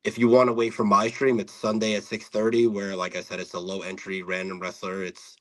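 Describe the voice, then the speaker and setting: A man's voice: fairly low pitch, little pitch movement, a little fast, fairly bright tone. A man appearing as a guest on a casual chat show, laid-back and joking as he plugs his streams. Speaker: guest, card breaker.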